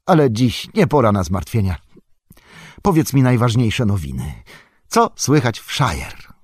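A man's voice: mid-range voice, sing-song, a little slow, slightly rough, dry recording, studio quality, pitched above the performer's own voice. A man voicing a fond, wistful old male hobbit in an audiobook reading. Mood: eager. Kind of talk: audiobook character voice.

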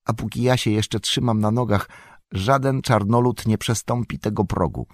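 A man voicing an excitable, fussy middle-aged male innkeeper who rambles and frets. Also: fairly low pitch, normal speed, no echo, clean studio sound, pitched above the performer's own voice, natural voice. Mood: fretful.

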